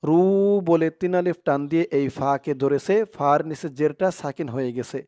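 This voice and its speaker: A man teaching Quran reading, sounding out each syllable, chanting verses slowly and explaining pronunciation rules in between. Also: a little high, steady tone, darkish tone. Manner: drawn-out chanted recitation alternating with quick explanations. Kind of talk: slow spelled-out Quran reading lesson.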